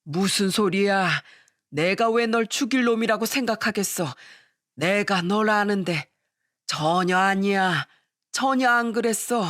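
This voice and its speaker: A woman voicing a gentle forgiving old man. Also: mid-range voice, measured pace, dry recording, clean studio sound, natural voice. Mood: reassuring. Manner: gentle, reassuring. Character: kind, forgiving older man.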